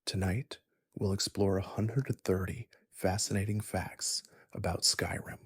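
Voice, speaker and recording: A man narrating a bedtime story in a soft, gentle, soothing, breathy spa-like whisper, slow and unhurried. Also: low-pitched, steady tone, no room sound, clean studio sound. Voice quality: breathy, husky, partly whispered.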